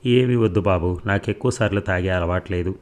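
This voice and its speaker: Man doing elderly man, gentle, plain, low voice, storybook. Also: a little fast, natural voice. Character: elderly man, friendly visitor.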